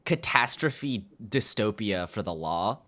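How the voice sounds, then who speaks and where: A man's voice: on the low side, expressive, slow, sharp tone. A man streaming a game, chatting casually and rambling with lots of "like" and "um" while reading game lines. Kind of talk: casual let's-play chat, reading game lines aloud. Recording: game music under the voice. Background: game music.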